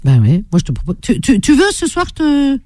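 A woman's voice: high voice, wildly swooping pitch, brisk, mellow, no echo, clean studio sound. A woman hosting a call-in radio show, chatting with callers in a playful, affectionate, teasing way.

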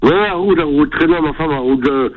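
A middle-aged man with a raspy smoker's voice calling a radio phone-in to pitch classified ads, haltingly and repeating words. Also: faint music behind. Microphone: telephone. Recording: narrow-band phone line.

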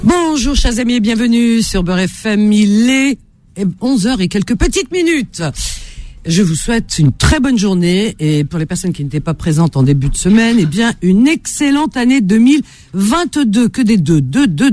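A woman's voice: mid-range voice, mellow, dry recording. A woman hosting a radio show, cheerful and teasing, laughing often with callers. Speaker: radio host. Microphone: studio microphone.

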